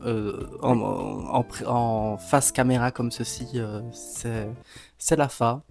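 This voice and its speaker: A man's voice: mid-range voice, fairly even intonation, slow, gravelly, darkish tone, faint music behind. Wry, campy young male drag vlogger. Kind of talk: casual vlog chat.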